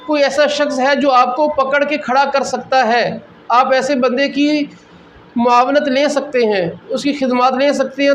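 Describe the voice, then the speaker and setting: A man's voice: extremely high pitch, a bit bright, dull audio. A man, a mufti, giving a religious lesson, explaining rulings step by step and checking in with "theek hai" between points. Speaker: mufti teaching Islamic law.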